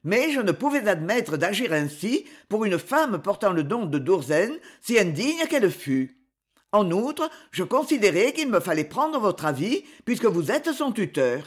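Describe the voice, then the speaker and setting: A woman's voice: medium pitch, big pitch swings, measured pace, slightly rough. A woman reading an icy, haughty aristocrat. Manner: clipped, icy and contemptuous. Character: cold, haughty older aristocratic father. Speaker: character in an audiobook novel.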